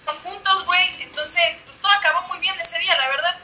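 A woman's voice: very high voice, a little fast, pushed and bright, soft background music. A young woman with a Mexican Spanish accent, a livestream guest telling a party story in casual chat.

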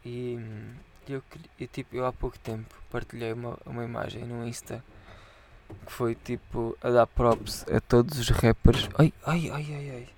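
A drunk man with a European Portuguese accent rambles on as a podcast host, circling back over his own words and swearing freely. His voice is gravelly and dark, with a mellow, low warmth. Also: steady tone, moderate pace, slight background noise. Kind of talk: rambling casual monologue to patrons.

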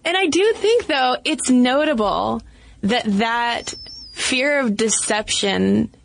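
A woman's voice: on the high side, lively intonation, takes it slowly, creaky. A woman co-hosting a podcast, chatty and thinking aloud, with hesitant restarts. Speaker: podcast co-host. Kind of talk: casual podcast discussion.

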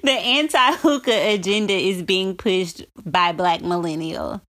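A woman's voice: mid-range voice, measured pace, a bit bright. A woman co-hosting a podcast in casual chat, emphatic and sassy, laughing often. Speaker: podcast co-host.

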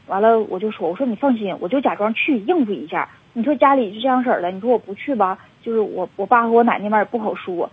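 Her mid-range voice moves quickly with few pauses and a slightly rough texture. She's a young caller in her twenties with a Northeastern Mandarin accent, rambling through a phone-in confession with many fillers over a tinny, dry line.

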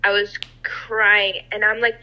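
A woman's voice: medium pitch, little pitch movement, slow, highs cut off. A young woman co-hosting a podcast, chatting casually and swearing freely. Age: young adult. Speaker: podcast co-host. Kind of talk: casual chat.

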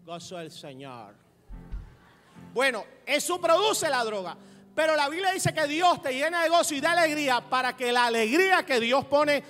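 A man preaching a sermon as pastor, laughing along with his listeners, calling for amens and rising to loud emphasis. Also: extremely high pitch. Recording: roomy long reverb with faint music.

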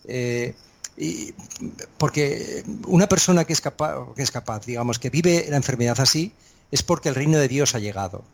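A man's voice: mid-range voice, lively intonation, normal speed. Hesitant, reflective man on faith. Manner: thoughtful, hesitant with many fillers and restarts. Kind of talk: reflective conversational preaching.

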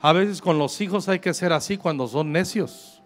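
High-voiced Mexican pastor preaching. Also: male voice, moderate pace, soft background music. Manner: joking, slangy and conversational, reading scripture aloud. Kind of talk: preaching a sermon to a congregation. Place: church service.

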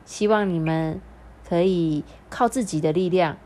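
A woman's voice: fairly low pitch, measured pace, a little hiss or hum. Playful woman telling children's stories. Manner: playful and animated, drawing out sentence-final particles. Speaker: storyteller host. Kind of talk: children's story podcast.

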